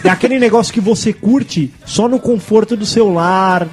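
Man, high voice, crude joking podcast banter. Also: moderate pace. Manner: joking, crude, addresses listeners directly. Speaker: podcast co-host.

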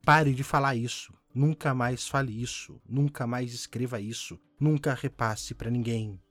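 A man voicing an angry woman in a suit who barks slow, emphatic orders. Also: medium pitch, steady tone, a bit bright, no room sound. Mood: furious.

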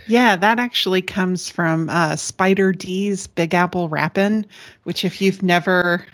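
A woman's voice: on the low side, measured pace, dry recording, studio quality. A woman co-hosting a music podcast, playful and wry in casual chat. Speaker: podcast co-host.

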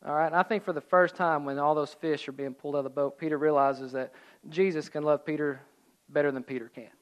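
A middle-aged man preaching a sermon, telling the story in a lively, joking way with asides, and reading scripture slower and softer. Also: fairly high pitch, rough recording. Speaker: pastor.

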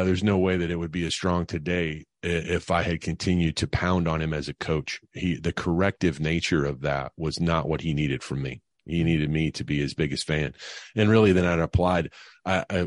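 With a rumbling low voice captured in clean, studio-quality sound without echo, a middle-aged man shares personal anecdotes. He's a financial advisor guesting on an interview podcast, and he speaks conversationally with lots of fillers and false starts.

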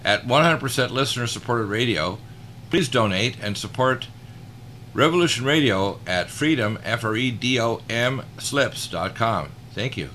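A man reading a scripted station announcement in the measured manner of a public radio host, with an appeal to listeners. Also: mid-range voice, lively intonation, sharp tone.

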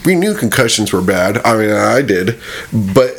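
A man chatting casually as a podcast guest, laughing often and tossing in quick asides. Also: fairly low pitch, sing-song. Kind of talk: casual chat.

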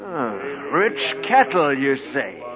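An actor playing the greedy, suspicious Sheriff of Nottingham, blustering and indignant in a mid-century radio drama. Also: male voice, medium pitch, sing-song, slow pace, over music. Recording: muffled old radio recording.

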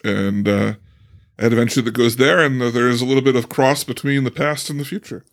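A young man co-hosting a book podcast, chatting casually with halting restarts and frequent laughs. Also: mid-range voice, steady tone, vocal fry. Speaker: podcast co-host. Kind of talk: casual chat.

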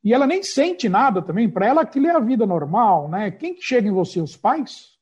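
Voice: medium pitch, big pitch swings, brisk, a little mellow, husky, highs cut off. A podcast host interviewing a guest, reacting with short surprised interjections and asking questions.

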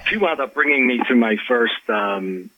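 Here an author and life coach narrates a personal experience during an interview, speaking at normal speed in a mid-range voice. His storytelling is animated, full of restarts and acted-out quotations. The audio has no echo but is slightly dull and lo-fi.

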